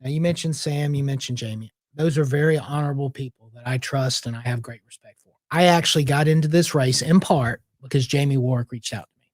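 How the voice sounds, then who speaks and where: A man, a mayoral candidate answering interview questions in a calm, measured way. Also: mid-range voice, no room sound, studio quality.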